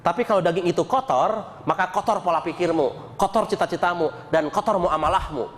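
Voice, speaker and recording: A man giving an animated Islamic sermon, mixing chanted dhikr with colloquial jokes and stories. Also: high voice, brisk, in a large hall. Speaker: preacher. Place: mosque hall.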